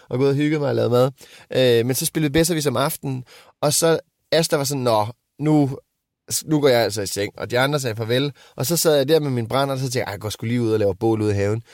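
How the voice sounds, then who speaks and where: A man's voice: mid-range voice, no room sound, studio quality. A man and father in casual chat, telling rambling anecdotes and swearing freely. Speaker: podcast co-host and father.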